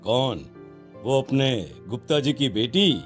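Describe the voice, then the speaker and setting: A man's voice: medium pitch, slow pace, faint music behind. A man voicing a middle-aged father in a cartoon, scolding his grown son. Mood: stern. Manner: scolding, expressive. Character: middle-aged father, stern but caring. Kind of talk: Hindi cartoon voice acting.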